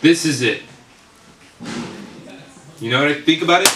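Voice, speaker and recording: A man playing a boastful teenage boy in an amateur comedy skit, talking loudly and bragging. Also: fairly high pitch, normal speed, close to an everyday voice. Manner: loud, bragging delivery. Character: boastful teenage boy student, cocky and full of himself. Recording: roomy echo, distant mic, background noise.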